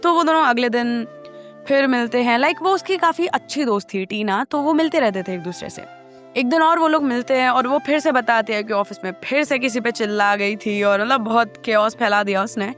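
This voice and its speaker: A woman's voice: on the high side, brisk, a bit bright, soft background music. A woman telling a story in a casual, chatty, informal way, talking to the listener like a friend.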